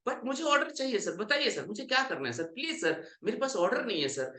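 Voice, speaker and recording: A man's voice: very high-pitched, sing-song, a little fast, bright, forceful tone, full character voice. Eager supplier chasing an order, put on by a man, insistent and pleading, echoey room. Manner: insistent, pleading, "sir" in every line.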